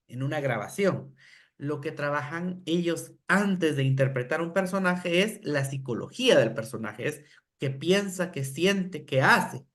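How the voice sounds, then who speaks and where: A middle-aged man with a Guatemalan Spanish accent gives a teacher-training lecture, explaining step by step and often asking rhetorical questions with a tag "¿verdad?". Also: fairly high pitch. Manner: acts out classroom phrases in a raised voice. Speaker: education lecturer.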